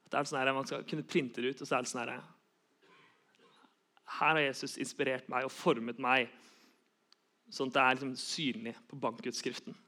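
A man's voice: medium pitch, flat delivery, pauses often, bright, forceful tone. A young man giving an earnest sermon, repeating key phrases for emphasis. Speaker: preacher.

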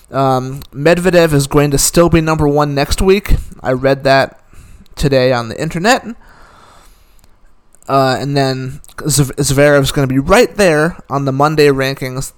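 The day's tennis results get a casual, opinionated rundown from a male commentator with a clean, mid-range voice. He reels off the scores and adds dry asides.

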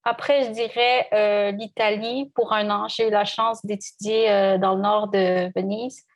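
In a conversational interview, a Canadian violinist in her thirties reflects on things hesitantly, often restarting her sentences. She speaks unhurriedly in a steady, medium-pitched tone.

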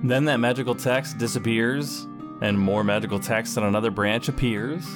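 Guy game mastering a tabletop rpg, narrating over really loud music. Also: medium pitch, normal speed.

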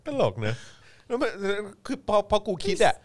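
A man's voice: high-pitched, wildly swooping pitch, normal speed, a little mellow. A man co-hosting a casual political talk show, sarcastic and swearing freely as he mocks the news. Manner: sarcastic, swears freely, laughs while mocking. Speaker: podcast co-host. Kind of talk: casual political commentary chat.

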